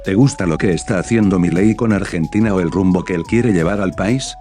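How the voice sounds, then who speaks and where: A man reading out viewer questions in a flat, even delivery. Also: sits low, fairly quick, soft background music.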